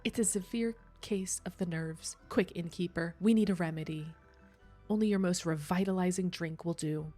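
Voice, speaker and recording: A woman's voice: on the low side, normal speed, dark tone, faint music behind, close to an everyday voice. A woman voicing a boastful, upbeat detective with a bubbly manner, reading visual novel dialogue.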